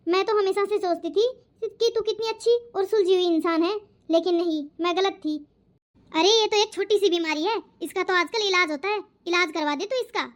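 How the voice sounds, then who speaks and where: A woman's voice: very high-pitched, moderate pace. A woman voicing a blunt but fair-minded older aunt in a cartoon, who lectures the others. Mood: reproachful. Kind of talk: cartoon voice acting.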